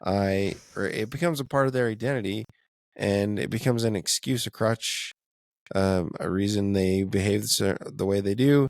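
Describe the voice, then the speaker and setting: A man's voice: lowish voice, moderate pace, creaky, dry recording, studio quality. A man co-hosting a casual faith podcast, talking in a thoughtful, hedging way and laughing often. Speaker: podcast co-host.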